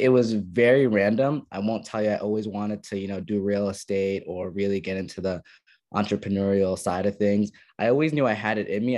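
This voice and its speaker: A young adult man from Ethiopia, guesting on a podcast, casually tells his story from his college dorm with plenty of fillers in a relaxed interview chat. His voice is fairly low and darkish.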